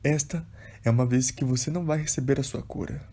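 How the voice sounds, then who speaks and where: The devil taunts in a devotional audiobook, as a man reads his lines. The voice is dark, husky and plain, barely set apart from the narration. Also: mid-range voice, fairly even intonation, a little fast, natural voice. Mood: taunting. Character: taunting devil, male spirit, menacing and sneering.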